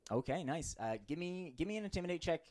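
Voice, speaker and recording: A man's voice: fairly high pitch, expressive, fast, darkish tone. A man refereeing a tabletop game as game master, casual and explanatory, often hesitant.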